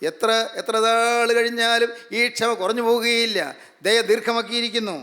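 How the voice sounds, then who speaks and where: A man's voice: extremely high pitch, flat delivery, moderate pace, pushed and bright. A man preaching a sermon, emphatic and repeating his phrases.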